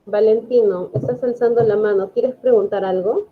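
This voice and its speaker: A patient woman teacher walks her students through grammar in a steady, mid-pitched voice. She checks in constantly to make sure they follow. The sound is thin and phone-like, as from an online video call. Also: normal speed. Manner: patient, explanatory, asks "¿no?" often. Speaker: English teacher. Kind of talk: online class explanation.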